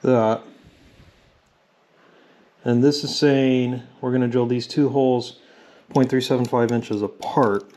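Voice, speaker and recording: A man talking through a mechanical repair in a home workshop, relaxed and halting with frequent fillers, recorded on a camera filming his hands. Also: medium pitch. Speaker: mechanic demonstrating engine rebuild. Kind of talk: casual workshop tutorial. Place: home workshop at a drill press.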